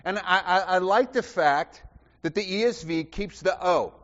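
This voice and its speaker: A man preaching a sermon as pastor, impassioned and rhetorical, repeating phrases and dropping from loud declarations to hushed lines. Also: high-pitched, measured pace. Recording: dull sound with long church reverb.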